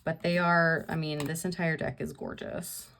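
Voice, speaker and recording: Low-voiced, chatty woman vlogger. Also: flat delivery, moderate pace, a bit bright, a little hiss or hum. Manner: rambling, with many "like" and "um" fillers and restarts. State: tired and yawning. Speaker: vlog host. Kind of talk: casual chat about her tarot deck collection.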